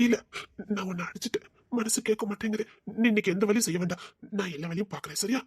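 A woman playing a husky, pleading remorseful husband. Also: medium pitch, rapid-fire, a little mellow, dry recording, clean studio sound. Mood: tender. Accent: Tirunelveli Tamil. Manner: pleading, repeating apologies. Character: remorseful young husband pleading with his wife.

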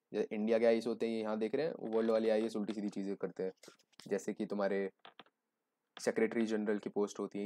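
A young man teaching an exam-prep class in a loose, joking way, with a low-pitched voice. His tone is dark and mellow, and the sound is dry and close with no room echo. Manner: joking, conversational Hinglish explaining.

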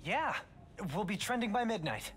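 An upbeat teenage tech geek in a video game. His pitch moves a lot, and there is clear ambient noise behind him. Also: sing-song, moderate pace, a bit bright. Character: upbeat, nerdy teenage boy, techie best friend. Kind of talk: natural video game dialogue.

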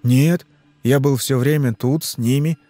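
A man's voice: mid-range voice, measured pace, mellow, no echo, soft background music, natural voice. A man voicing an anxious middle-aged businessman and father in an audiobook, flustered and hesitant. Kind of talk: audiobook reading.

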